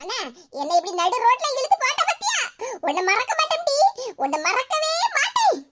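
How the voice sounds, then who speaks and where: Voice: very high voice, wildly swooping pitch, moderate pace, heavily acted. A performer voicing a quarrelsome older village mother-in-law with a Tirunelveli Tamil accent, wailing and scolding in a cartoon. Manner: wailing, scolding, dramatic complaints. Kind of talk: cartoon voice acting. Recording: loud background hiss.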